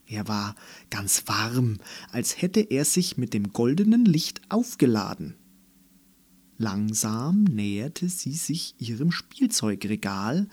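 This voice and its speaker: A man reads a bedtime story at an unhurried pace, with a breathy, airy voice. His delivery is expressive, swinging widely in pitch, and now and then sinks into gentle whispers. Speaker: narrator.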